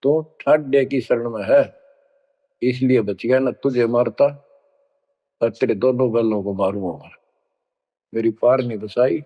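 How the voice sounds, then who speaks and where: A man's voice: mid-range voice, unhurried, pauses often, close to an everyday voice. A preacher voicing an angry, threatening male spirit in a sermon story, recorded in an echoey hall with dull sound. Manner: threatening, scolding.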